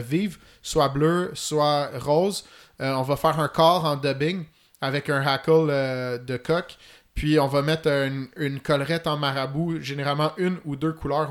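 A man with a Quebec French accent explaining fly-fishing gear in casual chat, in detail and with many fillers. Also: mid-range voice. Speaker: fly-fishing guest expert.

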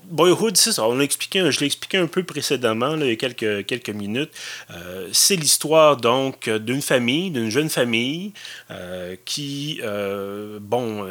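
A man's voice: mid-range voice, a bit bright. A man with a Quebec French accent talks through a film on his own podcast. His delivery is loose and conversational, and he circles back as he hunts for the right word. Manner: rambling, loose and conversational, often searching for words. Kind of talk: casual solo podcast commentary.

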